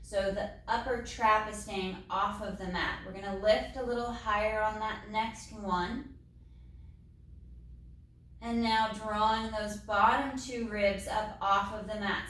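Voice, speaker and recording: Calm woman cueing Pilates in echoey room. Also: medium pitch, a little hiss or hum. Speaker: Pilates instructor. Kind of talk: guided exercise class. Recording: very echoey room, mic far off.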